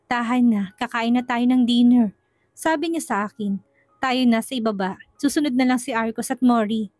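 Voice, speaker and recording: A woman's voice: on the high side, moderate pace, darkish tone, no room sound, natural voice. A woman voicing a comforting mother figure who reassures the heroine in a soothing way.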